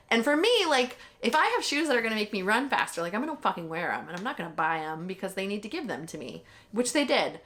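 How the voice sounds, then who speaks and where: A woman's voice: fairly low pitch, a bit bright. Chatty, candid young woman vlogger. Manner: candid and chatty, heavy with "like" and mild swearing. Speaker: vlogger recapping a marathon. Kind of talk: casual chat.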